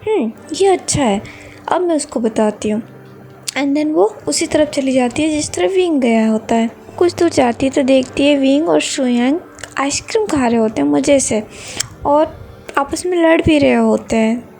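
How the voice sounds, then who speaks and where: A woman tells a romantic fan fiction story in steady narration. Her voice is high and gravelly, with a mellow, dark tone. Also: normal speed.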